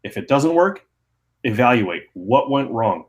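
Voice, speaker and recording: A man's voice: mid-range voice, very animated, measured pace, low-quality recording. A man speaking earnestly as a guest in a casual panel discussion.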